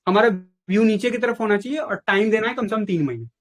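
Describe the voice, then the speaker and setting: Man, blunt advice, casual chat, raised pitch. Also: lively intonation, fast talker, fairly bright tone. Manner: blunt, advising, mixes in English phrases. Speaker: trading mentor. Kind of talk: casual live chat with a caller.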